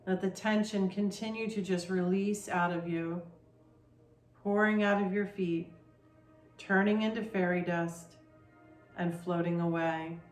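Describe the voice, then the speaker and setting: A woman leading a guided meditation with soft, soothing instructions. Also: fairly low pitch, steady tone, unhurried, pauses often, roomy sound, faint music behind.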